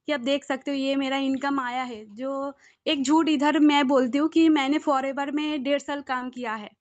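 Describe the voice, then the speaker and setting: Woman, high voice, hesitant, halting with fillers, dull dry call audio. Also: fairly even intonation, no echo. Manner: hesitant, many pauses and fillers. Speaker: sales student. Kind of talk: answering on an online class.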